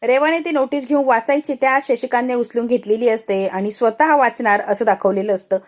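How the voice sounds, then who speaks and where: A woman's voice: fairly high pitch, brisk. Chatty woman recapping a TV serial. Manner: chatty, lively retelling. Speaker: serial episode reviewer. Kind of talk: casual recap narration.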